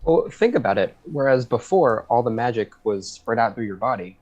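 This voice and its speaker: A man playing in a tabletop game, talking in a halting, dry-humored way. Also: medium pitch, lively intonation, a little mellow, highs cut off. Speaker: player. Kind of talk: casual tabletop play.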